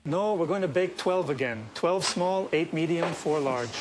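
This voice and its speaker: A man's voice: on the high side, normal speed, background noise. A man in his fifties, a baker, chatting casually and repeating himself as he walks by a harbour. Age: 50s. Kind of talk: casual chat on a walk. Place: outdoors at an old harbour.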